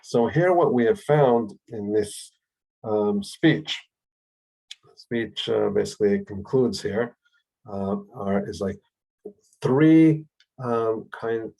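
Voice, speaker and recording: A man lecturing on a Bible text, speaking thoughtfully with pauses and fillers. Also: on the low side, darkish tone, rough recording. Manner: lifts his voice to act out quoted speech. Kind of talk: explanatory lecture.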